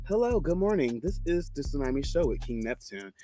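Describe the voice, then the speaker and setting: A man voicing a polished, cheerful male morning radio host with a smooth, formal announcer delivery. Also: fairly high pitch, very animated, a little fast, warm tone, faint music behind. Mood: announcing.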